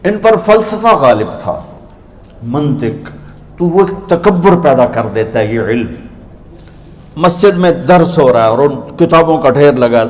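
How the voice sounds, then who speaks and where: A man's voice: medium pitch, a little mellow. Impassioned male preacher, echoing hall. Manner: impassioned, repeating phrases rhythmically. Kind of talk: sermon. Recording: echoey large hall. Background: live audience.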